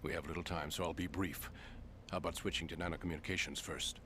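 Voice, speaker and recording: Very deep american agent guy, actor, hushed n guarded, game scene, noisy. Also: fairly even intonation, fairly quick, lightly acted. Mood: guarded, brisk. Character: secretive male agent, brisk and guarded. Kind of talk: video game voice acting, hushed. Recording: game audio with clear background noise.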